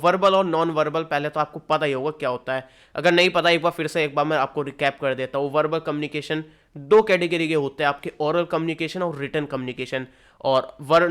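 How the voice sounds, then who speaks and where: A man's voice: a little high, fairly bright tone, smooth. A young man giving a casual lecture, chatting through slides and repeating each point in plainer words. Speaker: teacher.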